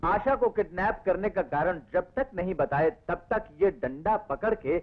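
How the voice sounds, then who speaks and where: A man's voice: sits high, animated, moderate pace. A man dubbing a brash, hot-tempered police inspector who bullies and threatens, in a Hindi-dubbed film. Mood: commanding. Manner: bossy, threatening, mocking. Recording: muffled dubbed film audio with music.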